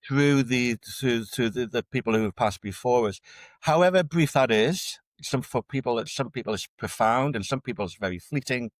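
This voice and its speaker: A man's voice: medium pitch, normal speed, dry recording. A man being interviewed as a researcher, explaining ideas in a conversational academic way and often repeating words as he restarts. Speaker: dark tourism researcher, guest.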